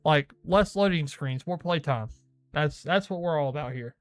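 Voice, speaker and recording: Hosting a casual gaming news show alone, this man speaks at a moderate pace in a slightly high voice. He rambles, corrects himself along the way and laughs a lot. The recording is dry.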